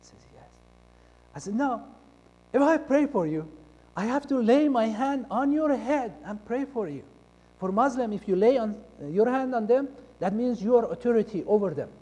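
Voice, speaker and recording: Casting: man from Iran, high voice, telling his testimony, acting out the dialogue, loud one moment and hushed the next. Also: lively intonation, moderate pace. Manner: acts out quoted dialogue, shifting between loud and hushed. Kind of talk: personal testimony storytelling. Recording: long reverb of a large hall.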